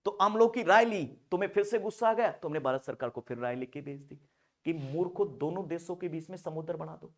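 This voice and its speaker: Animated joking male pharmacology teacher. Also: fairly high pitch, brisk. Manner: joking, theatrical, acts out dialogues and shouts. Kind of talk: animated classroom lecture.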